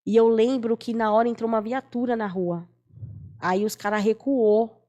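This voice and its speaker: A woman's voice: on the high side, steady tone, moderate pace, dark tone. A Brazilian woman in her forties giving an emotional personal testimony as a guest, earnest and storytelling, acting out the voices she quotes. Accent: Brazilian Portuguese. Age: 40s.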